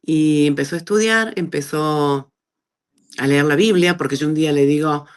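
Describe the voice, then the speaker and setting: A middle-aged woman with an Argentine accent, telling her personal testimony in a conversational way and acting out the dialogue she quotes. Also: moderate pace. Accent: Argentine Spanish. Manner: animated storyteller who acts out quoted dialogue with big pitch jumps. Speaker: guest giving a testimony.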